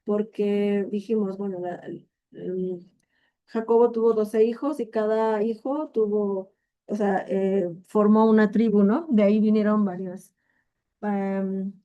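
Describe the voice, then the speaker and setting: A woman from Latin America walks through Arabic words one at a time as a patient teacher. Her voice is dark and mellow, and she speaks slowly. She thinks aloud with fillers and often checks in with her listeners. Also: medium pitch, dull audio. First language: Spanish. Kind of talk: explaining Arabic vocabulary in a lesson.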